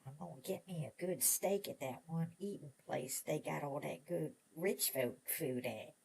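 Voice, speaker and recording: In a Western audio drama, a man acts an excitable, chatty old prospector who has just struck it rich, stammering, repeating words, and chuckling as he rambles eagerly in an American Old West drawl. His gravelly voice is fairly high-pitched and darkish in tone, at a normal speed.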